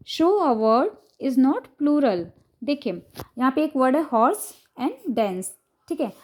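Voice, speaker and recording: A young woman with an Indian accent explaining a phonics lesson patiently, often pausing to check the listener is following. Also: high-pitched, a little mellow. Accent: Indian English. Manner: patient, repeats "ठीक है" to check understanding. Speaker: teacher and channel host.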